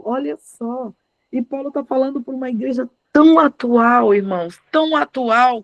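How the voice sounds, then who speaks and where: A woman pastor preaching a devotional sermon, animated and acting out quoted dialogue. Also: fairly high pitch, no room sound.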